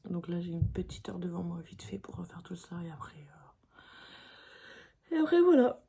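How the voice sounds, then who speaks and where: A woman's voice: lowish voice, flat delivery, brisk, creaky, warm tone, husky. A young woman chatting informally to her vlog viewers at home, rambling and trailing off into filler words. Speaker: vlogger, mother. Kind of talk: casual vlog chat to viewers.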